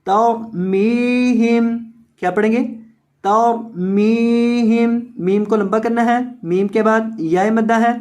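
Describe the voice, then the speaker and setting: A woman teaching Quran reading with an Urdu-Hindi accent, slowly spelling out each word syllable by syllable and repeating it. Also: a little high, fairly even intonation, darkish tone. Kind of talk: slow word-by-word recitation lesson.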